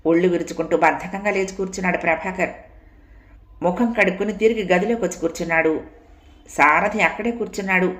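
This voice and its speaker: A woman narrating a story in a steady, expressive reading. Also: on the low side, fast. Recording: echoey room.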